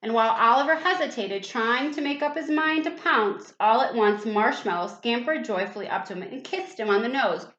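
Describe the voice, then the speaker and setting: A woman reads a children's picture book aloud at a moderate pace, hardly pausing, in a voice on the high side with a fairly bright tone. She is a teacher reading expressively, with little asides and questions aimed at young listeners. The recording has an echoey room and slightly dull sound.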